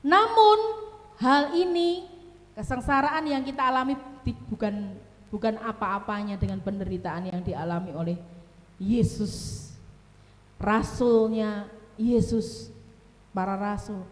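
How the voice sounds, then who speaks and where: A woman with a Javanese accent preaching a sermon in a church, animated and mixing in Javanese asides and laughter. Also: medium pitch, slow, long pauses. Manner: animated, mixing in Javanese asides and acted family quotes, laughing at her own stories. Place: church hall. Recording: echoey church hall with long reverb.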